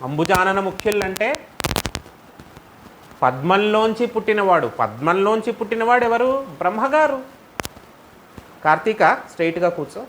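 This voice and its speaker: A man teaching a devotional scripture class who asks his listeners one rhetorical question after another and chants verses in a measured cadence. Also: sits high, animated, a bit bright, slight background noise. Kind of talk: devotional storytelling lesson.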